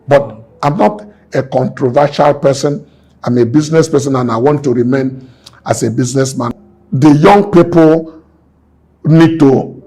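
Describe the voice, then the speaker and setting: Slightly high and mellow, the voice comes from a businessman in his sixties from Nigeria. He's a guest in an interview, talking with passion and repeating himself in a preacher-like way.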